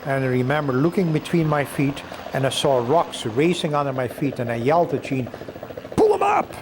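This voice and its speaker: A man's voice: medium pitch, a little fast, background noise. An older man recounting an adventure in a documentary interview, telling it vividly and acting out the dialogue.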